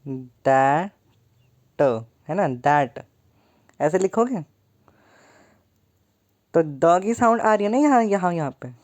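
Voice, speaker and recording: A woman's voice: fairly low pitch, animated, extremely slow, long pauses, darkish tone. A young woman teaching a poem in an online lesson, playful and joking, calling her students 'beta'.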